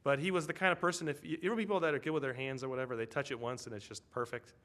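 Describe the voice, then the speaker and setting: Man of medium pitch preaching casually, telling stories and checking in with the congregation. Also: steady tone, rapid-fire, fairly bright tone. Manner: storytelling, with tag questions to the congregation. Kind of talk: conversational sermon.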